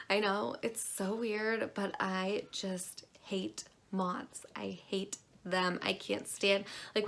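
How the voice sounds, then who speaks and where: A woman's voice: mid-range voice, a bit bright. A woman in her twenties from Maine, chatting casually and rambling animatedly as a beauty vlogger. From Maine, USA. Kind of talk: casual chat.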